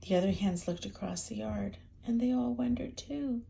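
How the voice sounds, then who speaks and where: An older woman, a sweet and gentle grandmother, reading a storybook aloud with chatty asides to small children. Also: medium pitch, normal speed, gravelly, slight background noise.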